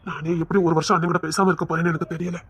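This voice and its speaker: A man's voice: on the high side, little pitch movement, very fast, fairly bright tone, husky. A man voicing an earnest younger brother who pleads eagerly with his elder. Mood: pleading.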